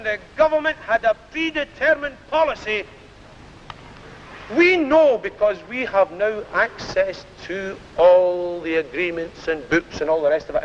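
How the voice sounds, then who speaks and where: A man's voice: high-pitched, a bit bright, slight background noise. Guy doing an emphatic union rally speech, echoey hall, dull old sound. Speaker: shop steward and union orator.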